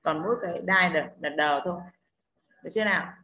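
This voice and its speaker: A woman English teacher with a Northern Vietnamese accent teaches an online class in a fairly low, sharp voice, talking fast. She explains things step by step and keeps checking with "đúng không?".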